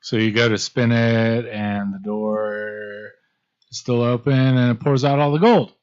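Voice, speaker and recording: A man narrating as game master in a relaxed, casual way, full of fillers. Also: mid-range voice, unhurried. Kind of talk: narrating a tabletop game on a live stream. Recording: muffled lo-fi stream audio.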